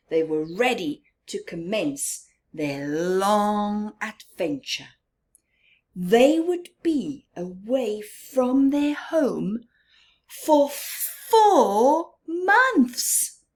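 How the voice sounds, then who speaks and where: In a medium pitch, a woman tells a picture-book story to children with plenty of expression. Dramatic emphasis, elongated words, and whispered, chatty side comments shape her reading.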